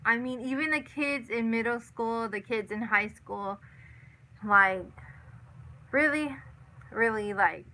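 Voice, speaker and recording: A chatty woman in her thirties with a bright, fairly high voice. She hosts a casual live chat, talks loosely, repeats herself and keeps adding "you know". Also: slow pace, long pauses, low-quality recording. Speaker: livestream host. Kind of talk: casual live chat reading viewer comments.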